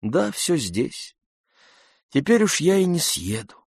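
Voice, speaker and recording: A weary, sluggish nobleman speaks in hushed, pleading tones, as a male narrator puts him on. He sighs and keeps his voice low in this storybook reading. The delivery is slow and dry. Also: very animated, creaky, breathy edge, dry recording, heavily acted. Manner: quiet, pleading, sighing.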